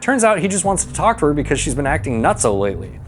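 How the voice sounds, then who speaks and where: A man's voice: a little high, sing-song, fast, a little hiss or hum. A man hosting a movie recap, delivering irreverent, sweary scripted comic narration with a sarcastic manner. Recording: music behind the voice. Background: background music.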